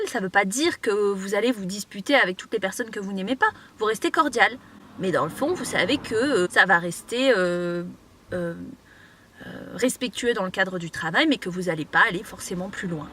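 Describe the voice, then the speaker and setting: A woman's voice: medium pitch, lively intonation, normal speed, sharp tone, breathy edge. A young woman from Mauritius giving casual life advice to camera from inside a parked car, chatty, with many fillers and restarts. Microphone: camera on a tripod.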